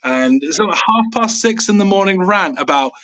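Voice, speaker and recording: A man co-hosting a podcast in casual chat, a relaxed and wry storyteller. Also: high-pitched, normal speed, low-quality recording. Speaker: podcast co-host.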